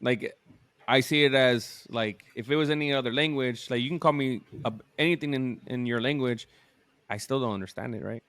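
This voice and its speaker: A man co-hosting a casual podcast, speaking in a halting, reflective way. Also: mid-range voice, fairly bright tone, dry recording. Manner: halting, reflective, many fillers and restarts. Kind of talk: casual chat.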